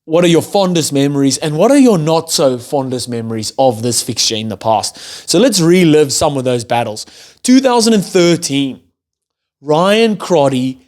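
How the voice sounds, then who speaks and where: Speaking to camera, a young rugby YouTuber from South Africa chats excitedly and builds hype for an upcoming match. He has a South African accent with an Australian twang, and his somewhat high voice is animated, a little mellow, and moderately paced.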